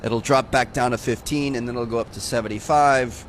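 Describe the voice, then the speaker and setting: A relaxed young man talks through his gameplay in a loose, chatty way, calling the listener "dude" now and then. His voice sits at an ordinary pitch for a man. A faint hiss of noise runs under it. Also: brisk. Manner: laid-back, chatty, says "dude" often. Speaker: gaming channel host. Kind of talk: casual gameplay commentary.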